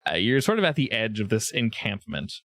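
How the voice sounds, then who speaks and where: A man's voice: on the low side, sing-song, a little fast, a bit bright, no echo, clean studio sound. A man running a tabletop game, narrating casually as game master.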